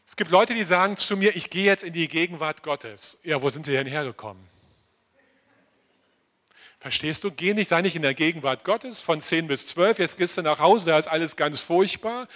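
An older man preaching a lively sermon to his congregation, often asking listeners directly whether they understand. He moves between loud, emphatic declarations and quiet asides, slowing down for key phrases. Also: sits high. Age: around 60. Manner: animated, addresses listeners directly with frequent "verstehst du?". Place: church congregation.

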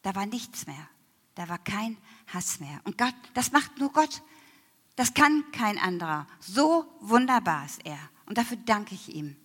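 Woman, bright tense tone, emotional testimony, slow hushed passages, reverberant church hall. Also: mid-range voice, big pitch swings, breathy edge. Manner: emotional, slows down and drops to near whispers. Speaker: church member giving testimony. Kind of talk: personal faith testimony.

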